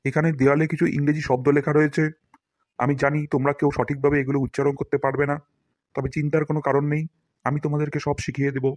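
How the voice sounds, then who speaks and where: A man's voice: fairly high pitch, little pitch movement, fast, a little mellow, dry recording, lightly acted. A man playing a pompous scolding cartoon teacher. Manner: pompous, scolding, theatrical demonstrations of words. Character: boastful, scolding male English teacher. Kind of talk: cartoon voice acting.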